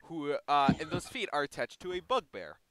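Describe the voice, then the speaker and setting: A man's voice: fairly high pitch, very animated, moderate pace, bright, forceful tone, clean tone, no echo, poor audio. A young man running a tabletop game as game master, talking in a loose, slangy way with lots of fillers.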